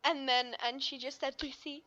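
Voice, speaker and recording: A young woman co-hosting a podcast, chatting casually, giggly and quick to exclaim. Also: on the high side, sharp tone. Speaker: podcast co-host. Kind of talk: casual chat. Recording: dull lo-fi mic.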